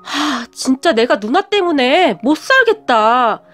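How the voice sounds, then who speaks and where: Fed-up young husband, sighing, high and lively, voiced by a woman. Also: moderate pace, soft background music. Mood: exasperated. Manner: sighing, yelling in exasperation. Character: exasperated young husband, caught between sister and wife.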